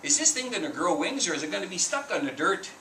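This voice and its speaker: A man's voice: high voice, big pitch swings, fast, pushed and bright, slight background noise, exaggerated voice. Man doing a doubtful eagle. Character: doubtful male eagle, questioning. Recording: roomy, distant mic.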